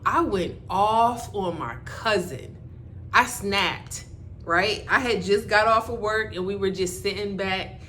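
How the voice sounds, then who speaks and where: A woman from Barbados with a Bajan accent that switches with American, telling a story in casual, candid, animated chat with salty language. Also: medium pitch, slight background noise. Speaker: storyteller vlogger.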